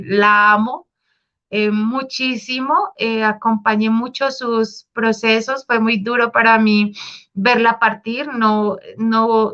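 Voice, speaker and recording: A woman with a high, bright voice tells her personal faith story in an earnest, heartfelt way. The recording sounds slightly dull and lo-fi.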